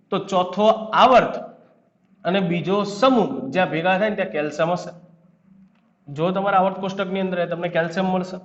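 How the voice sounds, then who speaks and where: A man's voice: high-pitched, normal speed, long pauses, a bit bright. A man with a Gujarati accent giving a chemistry lecture, quizzing his students and then answering his own questions. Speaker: chemistry teacher. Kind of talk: classroom lecture. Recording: echoey room, dull lo-fi sound.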